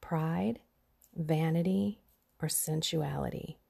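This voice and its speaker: A woman's voice: deep voice, takes it slowly, creaky, dark tone, slightly rough. A woman hosting a podcast, giving an earnest, preachy personal faith talk with bursts of emphasis. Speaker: podcast host.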